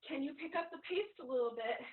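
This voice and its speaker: A woman's voice: high voice, expressive, fast. A woman fitness instructor leading an online workout class like a halftime pep speech, urging people on in short, encouraging commands. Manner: urgent, encouraging cheerleading with short commands and whoops. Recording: echoey room, far from mic, thin phone-like sound.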